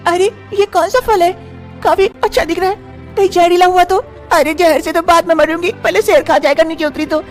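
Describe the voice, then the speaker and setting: A woman voicing a frightened young village daughter-in-law in an animated story, who frets and talks to herself aloud. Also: very high-pitched, brisk, soft background music. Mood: worried.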